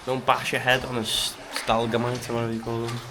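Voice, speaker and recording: A man giving casual, awed commentary from a boat inside a low cave, his voice carrying a cave echo. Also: monotone, noisy background. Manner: awed, slow, chuckling exclamations. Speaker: vlogger on a boat tour.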